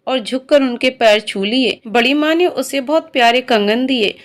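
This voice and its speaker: Slightly high-voiced woman storyteller. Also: moderate pace. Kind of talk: storybook narration.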